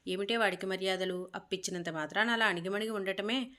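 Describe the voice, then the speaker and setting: A woman's voice: medium pitch, fairly even intonation, fast talker, bright, forceful tone, lightly acted. A woman reading the part of a proud, scornful older mother-in-law in a spoken storybook, scolding and bitter.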